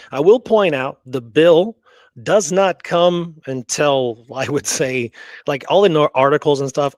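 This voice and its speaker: Here a man of medium pitch talks with no echo. He's co-hosting an informal history conversation, presenting research from his notes and regularly confirming that the other person is following along.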